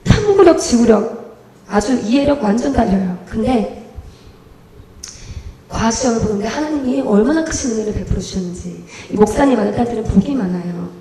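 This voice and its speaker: A young woman gives her testimony at a church service, talking quickly and acting out her own prayers and conversations as she goes. Her voice sits high and bright. The sound rings around a reverberant church hall. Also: a little hiss or hum. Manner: animated storytelling, acts out her own prayers and dialogue. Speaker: evangelist giving testimony. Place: church sanctuary.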